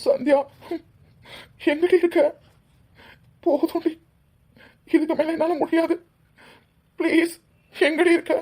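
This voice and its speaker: A woman's voice: very high voice, fairly even intonation, slow, long pauses, a little mellow. A woman voicing a desperate young husband who is crying and pleading for his lost wife.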